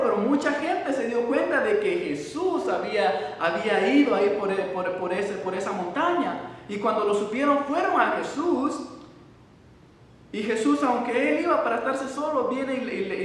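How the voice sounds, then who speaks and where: A man with a strikingly high voice gives a sermon and reads scripture aloud. He speaks haltingly, doubling back on his words. His voice sounds distant, with long reverb from a large hall. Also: fairly bright tone. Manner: halting, repeats words and restarts often. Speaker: preacher. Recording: echoey hall, voice from far off.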